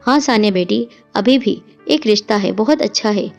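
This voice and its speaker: A woman's voice: mid-range voice, animated, gravelly, a little mellow, soft background music. A woman voicing a hopeful coaxing mother. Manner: hopeful, pleading.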